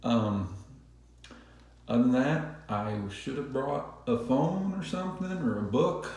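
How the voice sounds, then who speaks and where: A low-pitched man with a gravelly creak talks casually to camera, explaining things in a halting way. His voice rings heavily around a small room, picked up by a phone set away from him. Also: lively intonation, darkish tone. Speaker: vlogger. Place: small indoor bathroom, sitting in a tub. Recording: very echoey room, distant phone mic.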